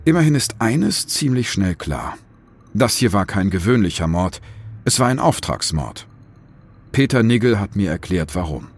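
A man's voice: fairly low pitch, sing-song, moderate pace, husky. A man narrates a scripted true-crime story as host, with dramatic, suspenseful phrasing in short pointed sentences.

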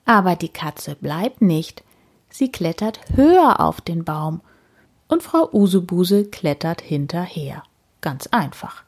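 A woman reading a children's story aloud, slow and expressive with deliberate repetition. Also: on the low side, husky.

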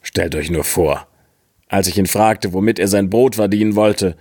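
A man's voice: sits low, normal speed, a little mellow, breathy edge, no room sound, studio quality. A man voicing a worried, sighing father who scolds his son in a fairy-tale audiobook. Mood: stern, weary. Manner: stern, weary.

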